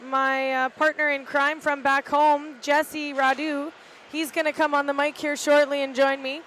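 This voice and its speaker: A middle-aged woman giving casual, halting live play-by-play commentary from an arena balcony, with lots of "uh" fillers. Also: high-pitched, level tone, a bit bright, a little hiss or hum, rough recording. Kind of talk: live amateur sports commentary. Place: arena balcony above the rink.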